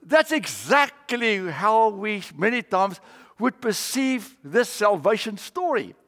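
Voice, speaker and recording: Male preacher, high and very animated, joking asides, sermon with long hall reverb. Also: slow pace.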